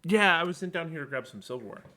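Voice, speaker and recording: A man's voice: a little high, animated, fast talker, bright, forceful tone. A man playing a character in a tabletop game, casual and sarcastic. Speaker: player.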